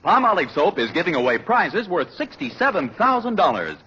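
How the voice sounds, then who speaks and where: Booming old-time radio prize announcer guy, bright forceful voice, really lively, muffled recording. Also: a little fast. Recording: muffled old radio broadcast, faint hiss.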